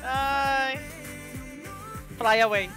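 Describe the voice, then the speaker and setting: A woman's voice: sits high, fairly even intonation, very slow. A woman, gushing and tearful as she talks viewers through a music video reaction. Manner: emotional, gushing, addresses viewers directly. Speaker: kpop reaction vlogger. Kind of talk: casual reaction commentary.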